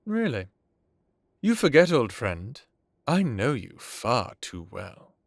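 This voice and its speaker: A man playing Dracula, an ancient vampire with a wry, commanding, measured and theatrical delivery in an audio roleplay. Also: medium pitch, wildly swooping pitch, gravelly, no echo, studio quality, full character voice. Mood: knowing, pointed. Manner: measured, theatrical, formal with dramatic pauses. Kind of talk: dramatic audio roleplay acting.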